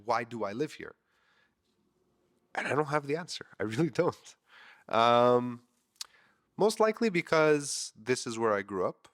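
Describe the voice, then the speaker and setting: This casual podcast monologue comes from a man in his thirties who rambles frankly and doesn't hold back on swearing. His congested, nasal voice runs somewhat low yet fairly bright.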